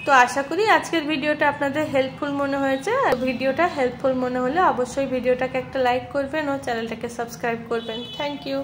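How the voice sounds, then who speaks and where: A woman teacher working through a children's math worksheet, slowly reading each question in English, then explaining the answer in Bengali. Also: high-pitched, steady tone, fairly bright tone, echoey room, slight background noise.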